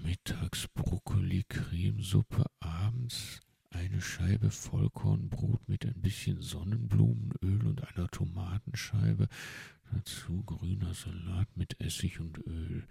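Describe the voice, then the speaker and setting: A man's voice: low-pitched, expressive, slow pace, breathy edge, no room sound, exaggerated voice. A man voicing a greedy, dramatic old uncle owl in a children's audiobook, theatrical and hooting. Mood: muttering. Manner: hoots "Huhu", loud and theatrical.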